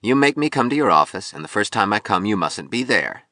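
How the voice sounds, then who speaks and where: A man's voice: low voice, sing-song, fairly quick, pushed and bright, no echo, studio quality, heavily acted. A man voicing a bitter, drunk young male sculptor in an audiobook, with a hard, impatient, belligerent voice. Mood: swaggering, bitter. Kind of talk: audiobook reading.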